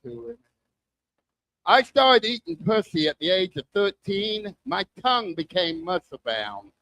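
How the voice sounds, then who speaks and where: An older man performs stand-up in a fairly high-pitched voice. A strong lisp gives his s sounds a wet whistle. He delivers crude, self-deprecating jokes to a live show. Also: sing-song, a little slow, gravelly, a bit bright, dry recording, poor audio. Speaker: stand-up comic. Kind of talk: stand-up comedy. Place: live comedy open mic show.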